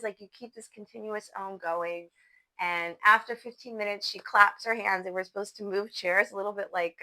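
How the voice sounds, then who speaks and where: A woman's voice: mid-range voice, pushed and bright, low-quality recording. A young adult woman vlogging, telling a personal story in a casual, enthusiastic way, full of fillers like "like" and "you know.".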